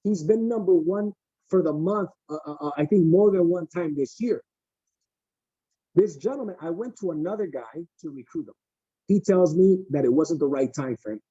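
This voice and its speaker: A male podcast host with a slightly high, dark and husky voice tells an enthusiastic story over an online call, acting out the quotes. The sound is dry and dull, like thin call audio. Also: normal speed, dry recording. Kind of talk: introducing a guest on a call.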